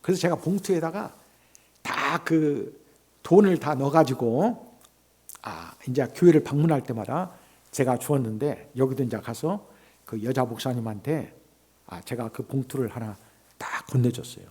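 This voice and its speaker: A man preaching as a missionary, telling a story in a sermon and swinging from loud exclamations to soft, hushed asides. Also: medium pitch, moderate pace, slightly rough. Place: church sanctuary.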